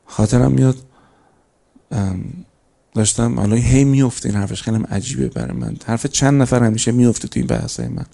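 A man's voice: medium pitch, expressive, vocal fry, warm tone, slightly rough. A man giving a conversational religious lecture to a live audience, telling stories and breaking into emphatic bursts. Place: lecture hall.

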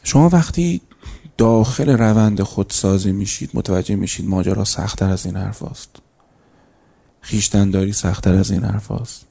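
Gravelly, mellow-voiced male lecturer. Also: on the low side. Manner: conversational, storytelling, rises into emphatic bursts. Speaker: lecturer on religious ethics. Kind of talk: religious lecture to a live audience. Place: lecture hall.

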